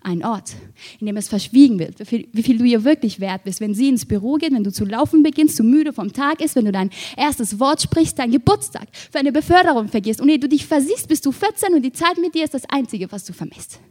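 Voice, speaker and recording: Woman, slam poet, higher voice, rhythmic rhyming delivery, shifts from hushed to loud. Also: lively intonation, a little fast. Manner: rhythmic, rhyming delivery with sharp swings between soft and loud. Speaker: spoken word poet. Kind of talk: performed slam poetry.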